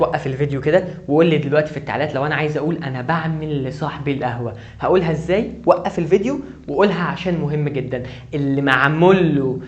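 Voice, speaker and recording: A man with an Egyptian Arabic accent talks through a German grammar lesson at a rapid clip, keeping his voice a little high. He presses the viewer to pay attention over and over. The recording sounds somewhat dull and lo-fi. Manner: urgent, repeatedly asks the viewer to focus. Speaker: German teacher. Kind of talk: online language lesson.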